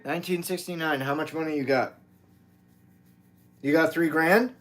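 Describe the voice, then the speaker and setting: Speaking at a normal speed with a fairly high pitch, a middle-aged man from the United States reads viewer comments on his live stream. He's blunt and informal, and loud guitar plays in the background.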